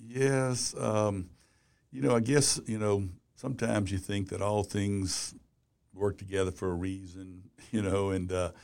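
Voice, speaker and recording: A gravelly older man in his sixties, a publisher looking back on his career in an easygoing interview. His voice sits fairly low, and he rambles loosely, filling the gaps with "you know". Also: fairly even intonation, unhurried, a little mellow. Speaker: business publisher and columnist. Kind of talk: casual interview talk.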